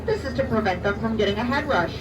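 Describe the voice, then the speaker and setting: A woman giving a friendly, lightly scripted guided tour through an outdoor loudspeaker, with small slips as she talks. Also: fairly high pitch, animated, fast. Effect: outdoor loudspeaker announcement. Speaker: zoo train tour guide. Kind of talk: informative guided tour narration. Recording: distant loudspeaker, loud outdoor vehicle noise.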